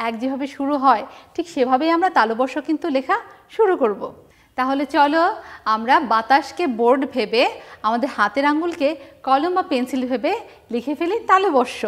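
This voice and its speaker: A woman with a Bangladeshi Bengali accent teaching a first-grade alphabet lesson, stretching words slowly and prompting children to repeat after her. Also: sits high, fairly bright tone. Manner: slow, stretched call-and-response drilling of words; encouraging, sing-song prompting of children. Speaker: primary school teacher.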